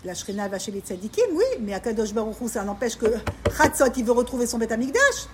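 Woman religious teacher, high voice, emphatic and repetitive, faint ambient hiss. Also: big pitch swings, quick pace. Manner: emphatic, repetitive, questioning listeners. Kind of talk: informal Torah talk to women.

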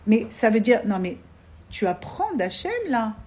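High-voiced woman teaching a lively class. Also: a little slow. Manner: lively, asks rhetorical questions, checks in with "d'accord?". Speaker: religious teacher. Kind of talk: Torah class for women.

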